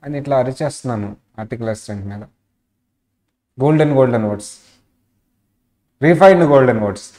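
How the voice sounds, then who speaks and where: Male lecturer with a Telugu accent, mid pitch, classroom delivery, asks questions and acts out quick scenes. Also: a little mellow. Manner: mixes English into his talk, asks the class questions. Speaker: auditing lecturer. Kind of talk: classroom lecture with acted examples.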